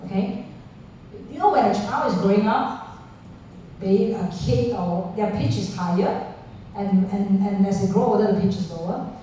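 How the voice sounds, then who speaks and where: A woman's voice: mid-range voice, a little slow, pauses often, mellow. Echoey woman trainer from far off. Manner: interactive, asks the audience questions; uses local particles like lah. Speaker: pitching workshop trainer. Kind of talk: live workshop talk to founders. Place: large indoor room with an audience. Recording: echoey room picked up from far off, faint noise.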